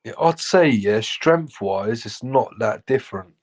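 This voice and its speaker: A man's voice: mid-range voice, expressive, unhurried. A man chatting casually on a podcast, laid-back and swearing freely as he predicts arm-wrestling matches. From England. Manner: laid-back, swears freely, says "you know what I mean".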